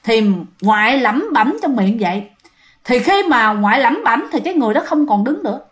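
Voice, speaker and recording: A woman narrating ghost stories, animated and speaking directly to listeners. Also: on the high side, moderate pace. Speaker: storyteller.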